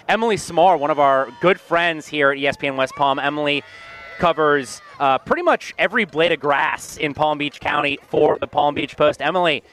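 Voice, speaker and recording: A man hosting a live high school sports broadcast from a school field, chatting energetically with many fillers. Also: moderate pace. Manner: energetic, filler-heavy play-by-play chat. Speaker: radio sports host.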